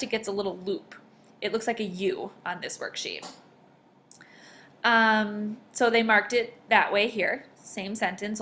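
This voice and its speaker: Woman teacher explaining a worksheet, exaggerates stressed syllables, mid pitch, light background noise. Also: a bit bright. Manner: explanatory, talks students through answers, exaggerates stress when reading aloud. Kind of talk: homework walkthrough over a screen recording.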